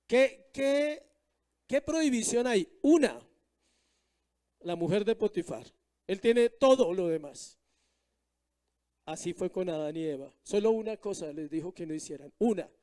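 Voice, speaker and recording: A man preaching from the pulpit, his voice pitched high yet mellow and dark in tone. He reads scripture aloud and keeps turning to the congregation with rhetorical questions, answering them himself. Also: lively intonation, measured pace, pauses often. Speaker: pastor. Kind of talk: sermon.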